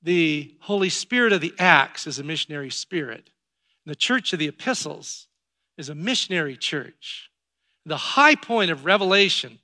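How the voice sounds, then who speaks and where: High, bright-voiced preaching man. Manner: emphatic, rising to loud exhortation. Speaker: pastor. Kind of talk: sermon.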